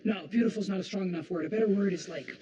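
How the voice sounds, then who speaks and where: A man's voice: high voice, rapid-fire, over a noisy crowd, close to an everyday voice. A young man playing a sarcastic college freshman who wants to look cool. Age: young adult. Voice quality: sarcastic, swings from loud to hushed. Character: cool-obsessed young male freshman, sardonic. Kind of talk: sitcom acting. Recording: dull noisy sitcom audio.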